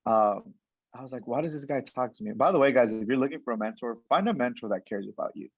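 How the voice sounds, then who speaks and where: A man's voice: medium pitch, quick pace, slightly rough, dry recording, highs cut off. A young man, a coach and guest, tells a story in casual interview talk, acting out the lines of the people in it and restarting his sentences often. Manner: animated storyteller, acts out quoted dialogue, many restarts.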